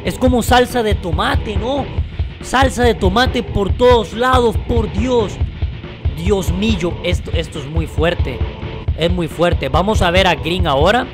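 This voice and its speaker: A man giving excited gameplay commentary, with frequent dramatic, startled shouts. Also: high-pitched, a little slow, music in the background. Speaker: gaming YouTuber.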